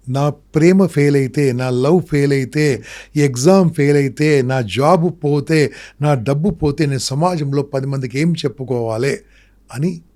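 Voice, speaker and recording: A man's voice: a little high, warm tone. A man, a public speaking trainer, talking emphatically in an interview and firing off rhetorical questions and lists. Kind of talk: motivational interview talk.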